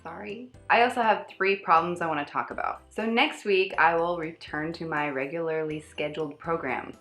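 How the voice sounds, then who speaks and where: A woman's voice: deep voice, moderate pace, a bit bright, reverberant, soft background music. Chatty, sarcastic woman reviewing products. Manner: chatty and sarcastic, with wry asides. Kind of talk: casual product review vlog.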